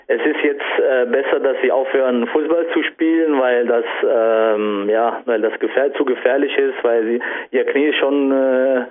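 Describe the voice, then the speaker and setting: A man in his twenties from Sicily with an Italian accent, speaking German as a guest in a radio interview, halting with many fillers. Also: mid-range voice. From Sicily, Italy. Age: 20s. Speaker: guest bodybuilder. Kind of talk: casual interview answers. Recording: tinny phone-like radio sound.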